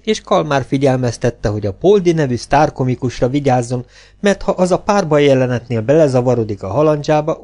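A man narrating a comic novel as an audiobook, in an even, wry storytelling manner. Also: mid-range voice. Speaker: audiobook reader.

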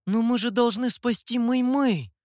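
A man reading as an idealistic young scribe with a raised, eager voice that swings between pleading and outrage. The delivery is lively and animated, and the recording is dry and close. It is an audiobook character voice, with the young man easily stirred to anger. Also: high-pitched, normal speed, dry recording, voice pushed up. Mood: indignant. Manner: pleading, indignant. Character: earnest young male scribe, idealistic and hot-tempered.

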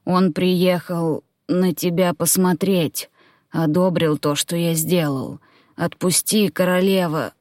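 A woman reading an audiobook voices an old grey-haired male druid, cold and calculating, who speaks slowly in a low, wheezing murmur. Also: steady tone, darkish tone, no echo, studio quality. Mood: grim.

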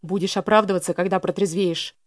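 A man's voice: sits high, fairly even intonation, fast talker, no echo, studio quality, close to an everyday voice. A woman voicing a stern, protective older brother who gives harsh orders. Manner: harsh, commanding.

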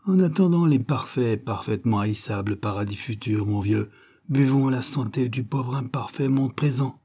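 A man's voice: mid-range voice, unhurried, warm tone, breathy edge. A man voicing a scornful, ranting atheist who mocks the idea of progress, declaiming fiercely.

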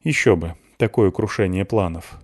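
Male audiobook narrator, low voice, steady dramatic read. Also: normal speed.

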